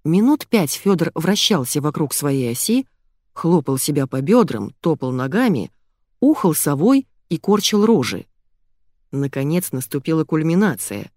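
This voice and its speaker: A woman narrating an audiobook in first person, expressive and lively. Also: deep voice, unhurried, no echo, studio quality.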